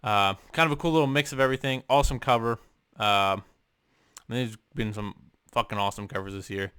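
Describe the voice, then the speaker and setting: A man's voice: medium pitch, brisk, fairly bright tone, smooth, no echo, clean studio sound. A young man vlogging from his room, casually ranking albums with lots of ums and offhand swearing. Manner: rambling, many ums and uhs, casual swearing. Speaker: music vlogger. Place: home room.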